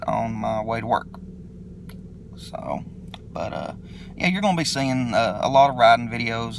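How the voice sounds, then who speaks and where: A middle-aged man with an eastern Kentucky accent speaks in a relaxed, folksy, halting way, pitched at an ordinary male level. He is filming himself on a phone, and the phone video carries a clear layer of background noise. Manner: laid-back, halting, folksy. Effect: self-recorded phone video. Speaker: motovlogger introducing his channel. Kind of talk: casual unscripted vlog intro. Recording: noisy phone video recording.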